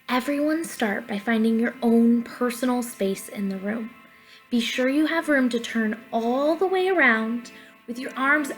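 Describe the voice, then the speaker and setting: The recording is rough, and her voice a little high. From her living room, a young adult drama teacher gives children instructions and guided pantomime narration in an encouraging way, on a webcam or laptop at arm's length with soft music playing.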